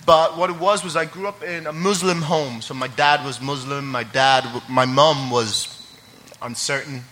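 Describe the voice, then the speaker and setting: A man's voice: mid-range voice, normal speed, sharp tone, a little hiss or hum. A young man from Ireland, sharing his testimony at a church service in a chatty way full of fillers and laughter, then reading scripture.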